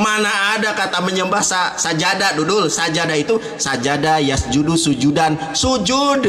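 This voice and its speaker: Brief: male debater, mocking and taunting, bright tense voice, echoey room with a long tail. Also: on the high side. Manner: recites Arabic phrases. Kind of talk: heated live online debate.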